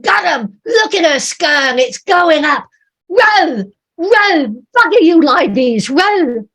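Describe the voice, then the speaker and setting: A woman voicing a frantic male sailor who shouts urgent orders at rowers. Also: high-pitched, very animated, slow pace, voice pushed up, heavily acted. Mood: frantic shouting.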